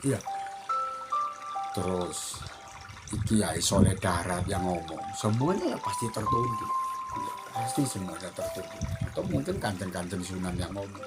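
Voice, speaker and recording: A middle-aged spiritual teacher with an East Javanese accent speaks straight to his listener. He circles back over the same warnings again and again in a steady, admonishing way. Music plays clearly under his voice. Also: low voice, a little slow. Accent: East Javanese Indonesian. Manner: repetitive, admonishing, addresses listener directly. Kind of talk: spiritual advice talk.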